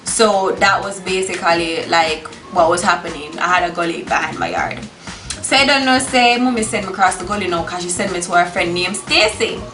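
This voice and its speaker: A roomy, echoey recording with music behind a young woman telling a casual story. She has a strong Jamaican accent and slips into Patois, in a high, bright, forceful voice. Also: expressive, a little fast. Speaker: storytime vlogger.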